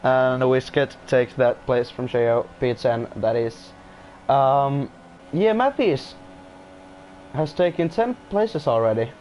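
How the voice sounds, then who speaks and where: A non-native English speaker gives casual live commentary on an online sim race, often restarting sentences and apologizing. His medium-pitched voice is slow and darkish, with slight background noise.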